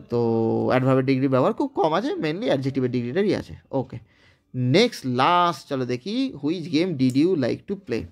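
A man from West Bengal with a Bengali accent, teaching an English grammar lesson step by step and often checking that his students have understood. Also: medium pitch. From West Bengal, India. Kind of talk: recorded online grammar lesson.

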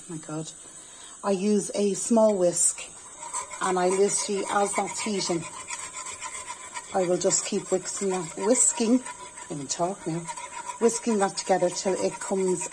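Irish woman in her forties, homely cook-along vlogger, mellow voice, faint kitchen noise, camera on the counter. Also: medium pitch, poor audio. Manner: chatty, homely, explains as she goes. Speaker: home cooking vlogger. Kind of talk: casual cook-along talk. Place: home kitchen. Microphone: camera on the worktop.

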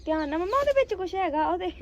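A high-voiced woman talks casually to her family and viewers in a home vlog. She is chatty and repeats phrases for emphasis, with clear noise around her. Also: lively intonation, racing, highs cut off. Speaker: family vlogger. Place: at home and on its open rooftop. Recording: noisy handheld home recording.

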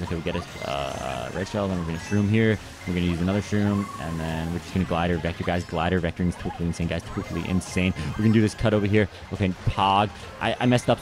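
A young man giving live gameplay commentary, hyper and full of slang, constantly addressing his viewers and bursting into high yelps. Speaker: gaming channel host.

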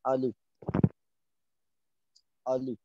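A man in a lesson repeating letters slowly after his teacher. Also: mid-range voice, monotone, dark tone, no room sound. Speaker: student. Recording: dry, slightly dull call audio.

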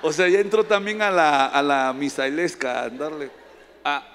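A male pastor preaching a lively sermon, teasing and calling on people in the congregation by name. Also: a little high, normal speed, slight background noise. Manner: playful, teasing, calls on audience by name. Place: large church hall. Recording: long echo of a church hall.

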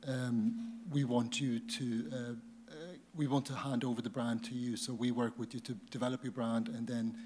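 Flat-toned man making a hesitant pitch. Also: moderate pace, hardly any pauses. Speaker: business owner. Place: large conference stage, indoors. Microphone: handheld microphone. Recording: stage mic, faint background noise.

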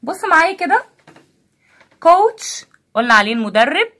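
A woman teacher with an Egyptian Arabic accent, giving a recorded vocabulary lesson in English and Arabic. She repeats each word slowly and answers her own prompting questions. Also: extremely high pitch, big pitch swings, sharp tone.

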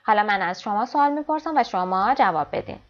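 Woman language teacher with an Afghan Dari accent who alternates quick explanations with slow, careful example sentences, recorded on a dull lo-fi track. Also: mid-range voice, animated. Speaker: English teacher. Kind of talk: classroom language lesson.

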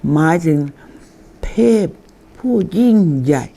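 An older woman giving a chatty, informal lesson on deity names, explaining slowly and reading names aloud. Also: low-pitched, big pitch swings, warm tone.

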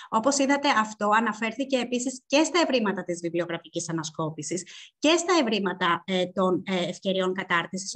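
A woman presenting research findings at an online seminar, speaking in a measured way with frequent hesitations. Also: mid-range voice, fairly bright tone.

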